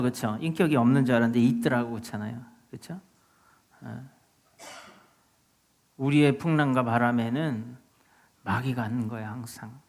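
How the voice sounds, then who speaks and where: A male pastor preaching a sermon, speaking conversationally and asking the congregation questions, then rising to loud exhortation. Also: mid-range voice. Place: church sanctuary.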